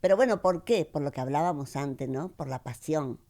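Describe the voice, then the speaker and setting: A woman from Argentina with an Argentine accent, co-hosting a podcast, reflective and quick to laugh. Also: sits low, expressive, dark tone. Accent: Argentine Spanish. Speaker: podcast co-host. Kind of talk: casual podcast chat. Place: farmhouse among orange trees.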